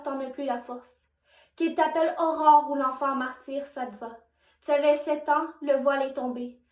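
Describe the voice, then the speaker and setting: Young woman, high voice, grave spoken-word monologue delivery in a reverberant room. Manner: solemn, addresses the listener directly. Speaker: monologue performer. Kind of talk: recited dramatic monologue.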